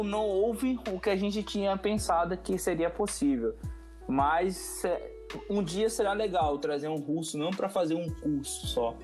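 Relaxed, rambling Brazilian man as a guest. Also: on the high side. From Mato Grosso do Sul, Brazil. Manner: relaxed and rambling, with slang and repeated phrases. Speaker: podcast guest. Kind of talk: casual podcast interview.

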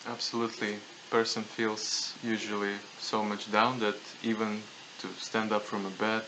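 Low, bright young man with Latvian accent. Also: flat delivery, moderate pace, rough recording. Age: young adult. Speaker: podcast guest. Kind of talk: casual podcast discussion. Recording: clear background noise, room ambience.

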